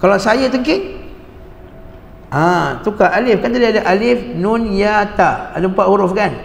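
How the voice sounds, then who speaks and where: A man with a high, gravelly voice teaches a religious class at an unhurried pace, stopping often to quiz his listeners and repeat key words. His voice rings through a reverberant hall with faint noise underneath. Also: animated. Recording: echoey hall with long reverb.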